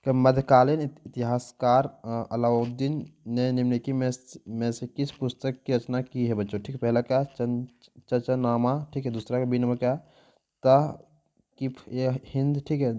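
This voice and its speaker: A man's voice: mid-range voice, warm tone. A man teaching exam answers, with the habit of saying "okay" after nearly every sentence and restarting words as he reads questions out. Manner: fast, repetitive, calls listeners "friends" and "children"; stumbles and restarts words while reading questions. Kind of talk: exam solution lesson.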